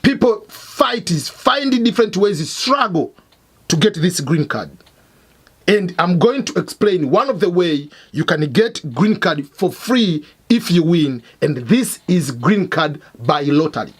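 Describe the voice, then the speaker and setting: A man's voice: sits high, sing-song, a little slow, breathy edge. A middle-aged man from Tanzania, host of an explainer channel, teaching emphatically and repeating key points. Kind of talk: explainer lesson. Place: Missouri, United States.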